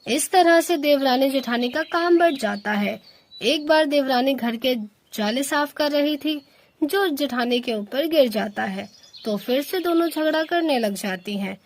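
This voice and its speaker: A woman's voice: high-pitched, unhurried. A woman narrating a cartoon story.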